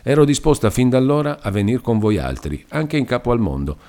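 A man's voice: medium pitch, sing-song, brisk, warm tone, pitched above the performer's own voice, close to an everyday voice. A man voicing a talkative, practical older village mother, speaking in a chatty, persuasive and emphatic way. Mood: eager.

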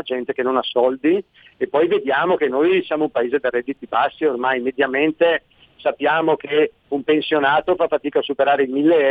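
A man's voice: medium pitch, no echo. A middle-aged man calling in to a radio show over a phone line, earnestly pressing his point. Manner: earnest, insistent argument. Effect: phone-line call into a radio show. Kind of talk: call-in comment on taxes. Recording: tinny phone line, dry.

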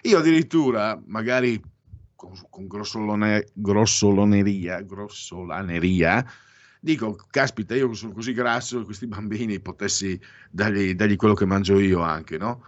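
A man's voice: fairly low pitch, normal speed, no echo, muffled recording. A man hosting a daily anniversaries segment, talking in a digressive way with frequent restarts, self-corrections and ironic asides. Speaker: radio or podcast host reading daily anniversaries. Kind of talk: casual spoken commentary with opinions.

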